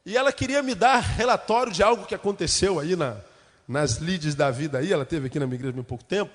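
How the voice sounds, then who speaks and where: A man's voice: fairly high pitch, quick pace, in a large hall. A Brazilian male pastor preaching a sermon, telling humorous stories and then rising into fervent rhetorical questions. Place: church.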